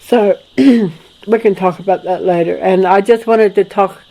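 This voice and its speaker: An older woman from Florida in the United States telling her family history in a casual, rambling way, with many restarts and soft chuckles. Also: medium pitch, measured pace, poor audio. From Florida, USA. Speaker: documentary photographer recalling family history. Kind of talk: casual spoken memoir to a friend.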